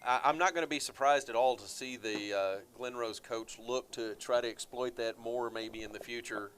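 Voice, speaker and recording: A man doing play-by-play for high school football radio, chatty and relaxed with lots of fillers. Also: normal speed, a little hiss or hum. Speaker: play-by-play announcer.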